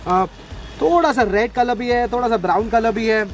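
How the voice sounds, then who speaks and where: A man's voice: very high voice, normal speed, faint music behind. An Indian man in his thirties hosting a casual street food vlog with an enthusiastic, exclaiming manner, switching between Hindi and English. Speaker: food vlogger and host. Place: outdoors at a street food cart area.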